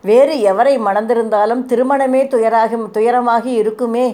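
A devoted young princess, gentle but firm, lifts her voice high as she answers in pleading, poetic lines, as a woman reading the story puts her on. She sounds a touch louder than the narration around her, earnest and unyielding. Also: steady tone, measured pace, lightly acted.

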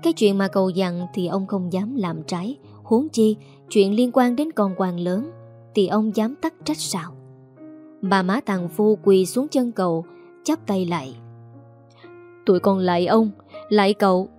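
A woman narrating a story in a steady, expressive way. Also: medium pitch, a little slow, soft background music.

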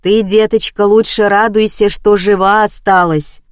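A woman voicing a kindly, fretful older woman who speaks in a soft, sighing, motherly way. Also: mid-range voice, flat delivery, measured pace, clear, resonant tone, dry recording, studio quality, close to an everyday voice.

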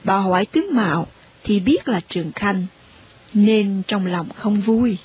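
A woman reading a story aloud in an even, unhurried narration. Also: mid-range voice, slightly rough. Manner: slow, even storytelling with voiced dialogue.

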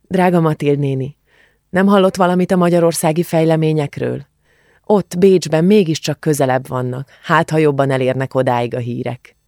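A woman's voice: deep voice, darkish tone, no room sound. Earnest teenage girl, heartfelt and bookish, in a close, dry audiobook read, voiced by a woman narrator. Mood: wistful, earnest. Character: earnest teenage refugee girl, book-loving. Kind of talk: audiobook character reading.

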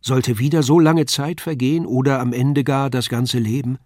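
A man reading a literary novella aloud in a calm, measured and expressive way. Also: mid-range voice, no room sound, studio quality. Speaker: audiobook reader.

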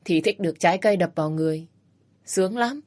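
A woman's voice: on the low side, quick pace, a little mellow, close to an everyday voice. A woman voicing a cocky, teasing young man with a brusque, mocking way of talking, in a storybook reading.

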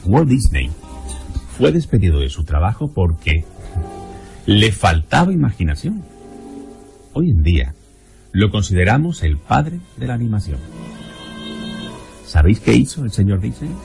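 A man giving a scripted, measured narration in a calm advising tone, with guitar music underneath. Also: low voice, creaky.

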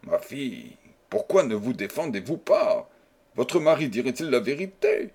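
A man's voice: mid-range voice, sing-song, normal speed, a little mellow, husky. Man voicing a solemn old baron, stern and reproachful.

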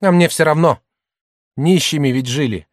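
A man reading an audiobook, voicing a middle-aged merchant's wife who mocks and shouts at her husband. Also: a little high, moderate pace, no echo, clean studio sound, natural voice. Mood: shouting. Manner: loud, mocking, hectoring.

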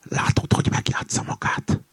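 A man voicing an anxious, conspiratorial male rooster in a fable reading, often hushed and whispering. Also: sits low, huge pitch swings, gravelly, no room sound, exaggerated voice. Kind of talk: acted reading of a satirical fable.

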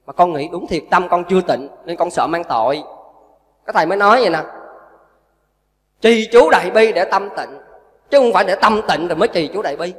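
High-voiced monk preaching. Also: male voice, brisk, long pauses, big-room sound. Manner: storytelling, acts out quoted voices, animated. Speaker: Buddhist monk giving a dharma talk. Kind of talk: sermon.

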